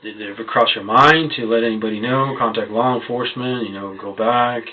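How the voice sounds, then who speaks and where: Male detective, low flat delivery, probing questions echoed back, noisy narrow-band interrogation tape. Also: fairly quick. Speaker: police interrogator. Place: police station interview room. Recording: muffled phone-like interrogation recording, clicks, noise.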